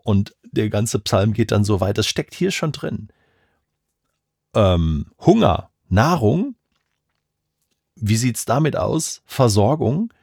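A man's voice: mid-range voice, vocal fry, darkish tone, husky, no echo, studio quality. A man in a devotional Bible discussion, reflecting personally on a psalm with emphatic repetition. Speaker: Bible study speaker.

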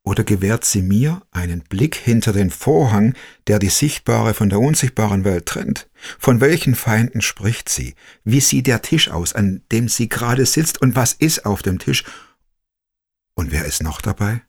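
A man narrating a personal story in the first person, slow, quiet and reflective. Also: on the low side, lively intonation, breathy edge.

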